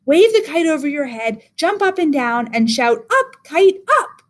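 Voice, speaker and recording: A woman's voice: high-pitched, big pitch swings, a little slow. A woman voicing a patient male frog who keeps encouraging his friend, read from a storybook.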